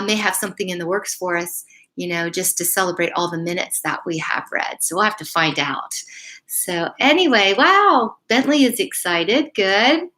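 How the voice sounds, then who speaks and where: This medium-pitched woman has a sharp tone as she talks casually to young children in a live chat, then reads them a bedtime story. Middle-aged or older, she may be an elementary school principal or staff storyteller, and she speaks to the kids directly with encouragement.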